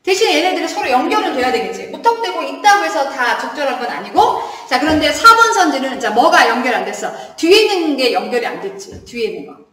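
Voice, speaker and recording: Woman teacher, high-pitched, chatty lecture, laughs often, roomy distant sound. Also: very animated, fast talker, few pauses, fairly bright tone. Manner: chatty, laughs often, asks students "got it?". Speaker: Korean literature teacher. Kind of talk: casual classroom lecture. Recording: echoey hall, distant mic.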